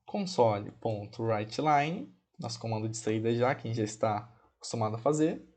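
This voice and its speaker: This programming tutorial comes from a chatty instructor with a Brazilian Portuguese accent, speaking in a mid-range, darkish voice with lively intonation. He types commands while spelling them out slowly, checks in frequently with "ok?" and "pessoal", and leans on diminutives throughout the casual screencast.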